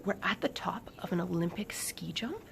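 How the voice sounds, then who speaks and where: A woman's voice: fairly low pitch, animated, moderate pace, gravelly, fairly bright tone. A woman reading aloud voices a nervous, cautious girl who speaks in urgent, hissing whispers. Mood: anxious whisper. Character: nervous, cautious young girl hiding from view.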